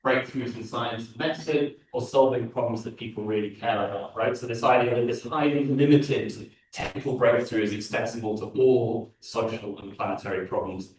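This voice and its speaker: A man's voice: medium pitch, steady tone, normal speed, few pauses, darkish tone, far from the mic. London-accented man in an echoey hall. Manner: earnest, thinking aloud with many fillers and restarts. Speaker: design researcher and lecturer. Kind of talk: conference talk. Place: large lecture hall.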